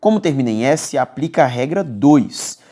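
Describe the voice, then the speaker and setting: A man with a mid-range voice and a Brazilian Portuguese accent speaks at normal speed while teaching grammar for an exam. Lively and coaxing, he repeats key terms and regularly asks his students "beleza?" to check in.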